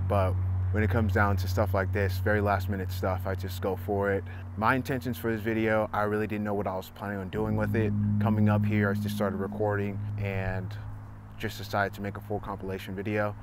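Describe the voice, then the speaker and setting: A young man from Southern California, a photographer talking casually to camera about a spontaneous trip, relaxed and laid-back. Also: fairly low pitch. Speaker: photographer and vlogger. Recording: noisy outdoor ambience.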